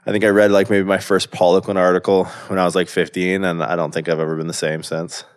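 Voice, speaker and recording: A man in his thirties with a very low, deep voice talks loosely as a podcast guest. He rambles, strings thoughts together with "like" and "right?", and swears offhandedly. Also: flat delivery, fast. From Canada. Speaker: guest, strength coach. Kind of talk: casual podcast interview.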